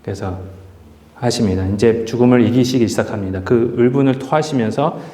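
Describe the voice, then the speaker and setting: A man's voice: mid-range voice, brisk, dark tone. A man preaching a Bible study sermon, impassioned, acting out quoted speech with rising emphasis. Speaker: pastor. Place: church hall. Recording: echoey hall with long reverb.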